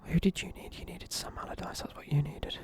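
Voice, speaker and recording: A young man in a casual video, whispering sleepily as he reviews football teams and swears offhandedly. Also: a little fast. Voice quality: whispering throughout. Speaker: video creator.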